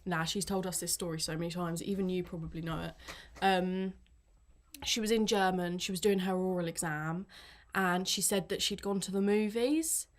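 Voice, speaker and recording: A young woman from Britain, a podcast co-host telling school stories in casual chat with quick, giggly bursts. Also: on the low side. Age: young adult.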